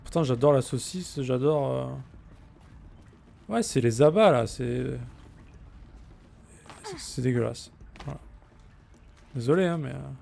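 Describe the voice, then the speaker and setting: A let's play streamer with a mid-range, gravelly voice and a dark tone chats casually and jokingly with his viewers during gameplay, answering their messages. He sounds animated yet unhurried, leaving long pauses, and there's a faint hiss or hum in the audio.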